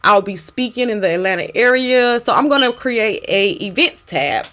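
A woman's voice: mid-range voice, expressive, normal speed, fairly bright tone. A woman hosting a casual devotional podcast, speaking in an encouraging, exhorting way to her listeners. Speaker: podcast host.

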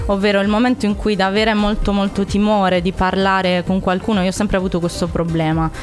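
A woman, a singer-songwriter guest chatting candidly and playfully in a casual radio interview. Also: mid-range voice. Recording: faint music behind the voice.

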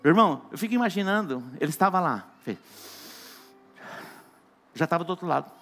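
A Brazilian pastor preaches with a high, bright, ringing voice. He tells jokes and Bible stories, swinging from quiet asides to loud, emphatic delivery. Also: expressive, brisk, faint music behind. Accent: Brazilian Portuguese. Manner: joking storyteller, shifts between hushed and loud emphatic. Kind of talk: sermon.

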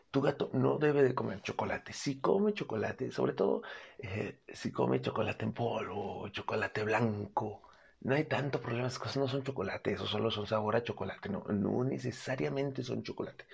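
A man's voice: fairly low pitch, vocal fry, husky. A young Mexican man casually giving pet-care advice on his vlog, chatty and playful, acting out owners' voices.

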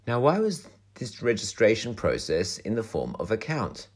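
A rabbi with a hoarse, croaky voice delivers a calm, explanatory Torah lesson. His voice sits very low, yet his pitch rises and falls in a lively way as he makes his points. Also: moderate pace. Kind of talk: recorded weekly Torah lesson.

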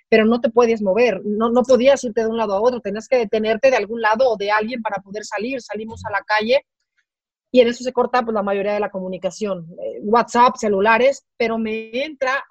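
Mexican woman, middle-aged, higher voice, halting and emotional, dry dull recording. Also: darkish tone, no echo. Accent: Mexican Spanish. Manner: halting, repeats words, voice breaking with emotion. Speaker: interview guest. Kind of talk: emotional personal account.

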